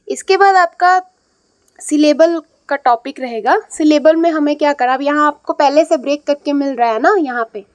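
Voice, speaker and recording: A woman's voice: high-pitched, dry recording. A woman teaching young students English reading, explaining patiently and checking in often. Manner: patient, repeats and checks with "ठीक है".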